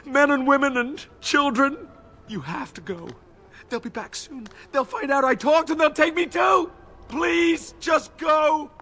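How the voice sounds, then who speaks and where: Scared game elf: high, bright, pleading, fearful. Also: female voice, a little slow. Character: frightened elf woman, terrified, pleading. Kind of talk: video game voice acting.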